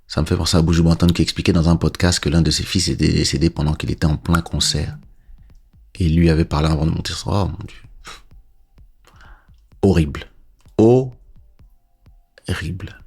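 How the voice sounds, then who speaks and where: A man with a very low, gravelly voice talks casually into a podcast-style microphone. He answers viewer questions from a livestream chat at an easy, unhurried pace. Faint music plays quietly behind him. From Congo, raised in France from age seven. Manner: relaxed and unhurried, pauses with filler sounds. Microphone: dynamic podcast-style microphone.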